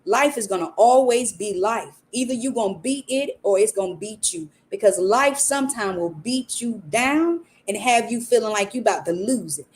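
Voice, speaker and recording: An earnest woman with a somewhat high voice, talking through a faith-based motivational message as a podcast host. She speaks like a preacher, circling back and repeating her points to drive them home. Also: animated, normal speed, few pauses, darkish tone.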